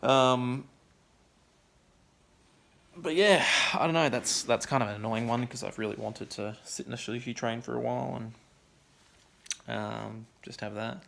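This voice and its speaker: A man's voice: mid-range voice, unhurried, vocal fry, long pauses, fairly bright tone. A young man talking casually in a vlog, rambling with many ums and likes. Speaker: vlogger.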